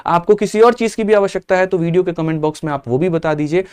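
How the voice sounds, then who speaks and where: A man's voice: sits high, fast talker, darkish tone, smooth. A man closing a video, reassuring viewers and inviting them to comment. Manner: reassuring, addresses viewers directly. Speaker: channel host. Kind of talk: video sign-off.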